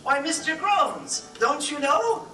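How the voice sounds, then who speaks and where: A giggly, teasing hotel clerk woman, put on by a man in a storybook reading. Her voice sits very high and sing-song, and she toys with the guest. It sounds distant in an echoey room, with music behind. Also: animated, takes it slowly, bright, forceful tone, full character voice.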